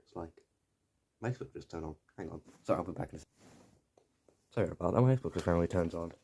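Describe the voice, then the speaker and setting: A man's voice: low voice, quick pace, mellow, husky. A young man, rambling through a casual video essay commentary, often correcting himself and swearing now and then. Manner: digressive, self-correcting, mildly profane. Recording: faint background noise.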